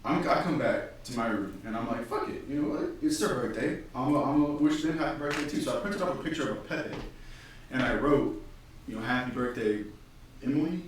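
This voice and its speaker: A man's voice: mid-range voice, brisk, very echoey, recorded from a distance, slight background noise, poor audio. A young man co-hosting a podcast from a dorm room, telling stories in a laid-back, slangy way. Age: young adult. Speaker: podcast co-host. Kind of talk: casual chat.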